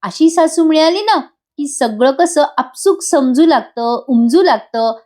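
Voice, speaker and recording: A woman's voice: high-pitched, lively intonation, unhurried, darkish tone, pitched above the performer's own voice. A woman playing a coaxing young daughter-in-law. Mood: affectionate. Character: cheerful young daughter-in-law, affectionate and teasing.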